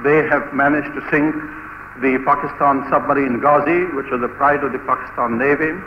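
A middle-aged man, a naval chief, giving a measured, confident report in an archival 1970s newsreel interview. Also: mid-range voice, fairly even intonation. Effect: old radio newsreel sound. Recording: dull, noisy, echoey archival newsreel recording.

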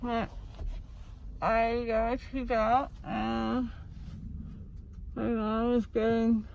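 A woman's voice: on the high side, flat delivery, extremely slow, creaky, darkish tone, lo-fi sound, slight background noise. A young woman vlogging from a car with her mouth full of gauze, her speech slurred and groggy after anesthesia. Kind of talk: casual vlog talk.

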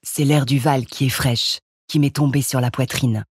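A woman voicing a tall, stooped, consumptive Corsican man who drawls slowly in a monotone and coughs often, in an audiobook reading. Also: rumbling low, husky, no echo, studio quality, full character voice.

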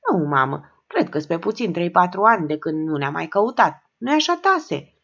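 Woman doing a fussy old mom, high and chatty, counting stuff out loud, muffled. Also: big pitch swings, vocal fry, full character voice. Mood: fussing. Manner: fussing, thinking aloud. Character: fussy older mother, reckoning and chatty. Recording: dull lo-fi sound.

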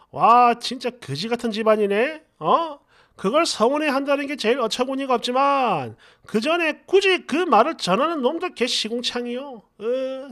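A woman reading viewer comments aloud for a story channel, with brash, slangy, mocking remarks. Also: fairly high pitch. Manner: lively, animated delivery.

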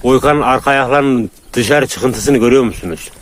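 A man talking casually to viewers about his dogs outdoors, now and then calling to them in high, loud bursts. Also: moderate pace, background noise. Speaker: dog breeder filming his dogs.

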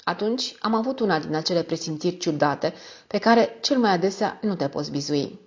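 Low-voiced woman, calm audiobook narration, dull lo-fi sound.

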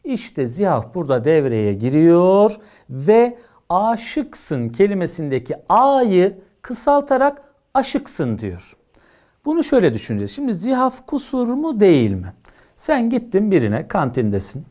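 A male teacher giving an exam prep lecture, his pitch swinging widely as he stresses each point. He drills rules emphatically and keeps checking that his students are following along. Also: wildly swooping pitch, unhurried, warm tone.

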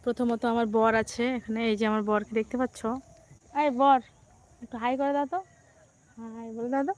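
A high-voiced woman chats casually to her live-stream viewers, repeating her welcomes and often dropping to a soft, hushed tone. She is outdoors by the water, with crickets and insects chirping faintly behind her. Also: fairly even intonation, fairly quick, a little hiss or hum. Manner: chatty, keeps greeting viewers, often softly spoken. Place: outdoors by water while fishing.

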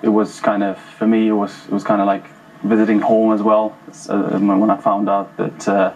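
A man in his thirties, originally from Afghanistan, sits on a television studio sofa and answers an interviewer through a lapel mic. His voice is low and husky, and he speaks haltingly, repeating words as he searches for them. His pitch stays flat throughout. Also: rough recording. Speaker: former paratrooper guest.

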